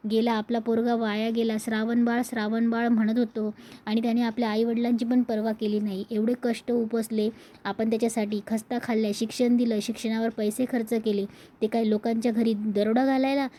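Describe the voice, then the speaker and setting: A woman's voice: fairly high pitch, level tone, fairly quick, warm tone, lightly acted. A woman voicing an anxious middle-aged mother who scolds defensively and laments her son in a serial recap. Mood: tearful lament. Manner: scolding, then wailing lament.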